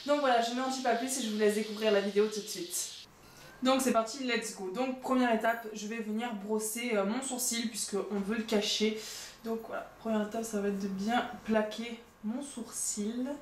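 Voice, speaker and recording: A woman's voice: a little high, fairly even intonation, moderate pace. A young woman narrating a casual makeup tutorial as a vlogger, chatty and joking at her own expense. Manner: chatty, with frequent "donc" and light self-mocking asides. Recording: roomy sound with faint background noise.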